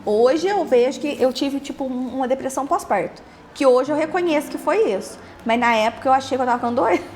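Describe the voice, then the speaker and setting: Fast-talking high-voiced Brazilian woman. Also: a little mellow, slight background noise. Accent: Brazilian Portuguese. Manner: halting, repeats words, trails off. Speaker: podcast host interviewed as guest. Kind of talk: emotional personal testimony.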